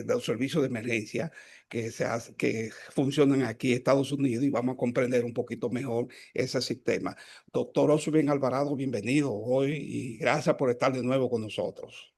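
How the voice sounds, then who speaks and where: A man's voice: medium pitch, vocal fry, a little mellow, breathy edge. A man hosting a health program over a video call, making long announcements with many fillers and self-corrections. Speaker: host.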